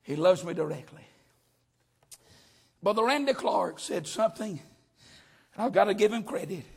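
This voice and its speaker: A man preaching a sermon with a hollering preaching cadence and a gravelly voice. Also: high-pitched, lively intonation, moderate pace.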